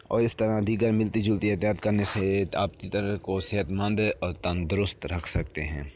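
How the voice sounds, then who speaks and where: Low-pitched male host talking viewers through care advice, restating each point, faint ambience behind. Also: fairly even intonation, a little hiss or hum. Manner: repeats and rephrases points, addresses viewers as friends. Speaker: partridge-keeping advice host. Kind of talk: spoken instructional tips.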